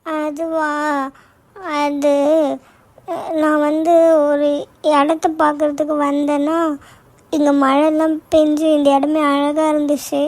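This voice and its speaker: A very high tearful cartoon young woman. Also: completely flat delivery, slow pace, pauses often, a little mellow, no echo. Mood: remorseful. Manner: sobbing apologetic pleading. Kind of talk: cartoon voice acting.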